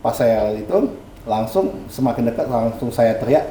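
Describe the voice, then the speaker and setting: A man telling a personal story in casual talk, lively, acting out his own past words. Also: medium pitch, moderate pace, slight background noise. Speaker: guest. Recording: roomy room with faint ambience.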